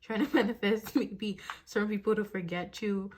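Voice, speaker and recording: A young woman gives a casual tarot reading, recorded on a phone mounted at her desk. She rambles along with plenty of fillers and keeps breaking into giggles. Her voice sits at a middling pitch. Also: fairly even intonation, normal speed, a little mellow, a little hiss or hum. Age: young adult. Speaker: tarot reader.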